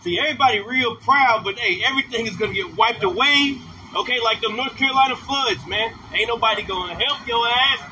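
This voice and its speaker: Male street preacher, high and piercingly bright voice, excitable. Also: brisk, slight background noise, poor audio. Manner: excitable, whooping, profane.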